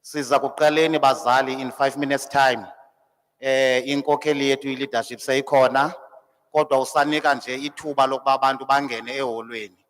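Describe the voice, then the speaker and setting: Man, Xhosa South African accent, medium pitch, meeting announcements, plain repeated instructions. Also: steady tone, a little fast, a bit bright. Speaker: meeting organiser making announcements. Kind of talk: public housekeeping announcement.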